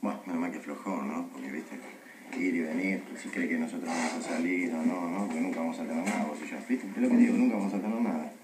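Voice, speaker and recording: Actor doing a cocky argentine cop, real low voice, lots of noise behind. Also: male voice, quick pace, echoey room, close to an everyday voice. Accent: Argentine Rioplatense Spanish.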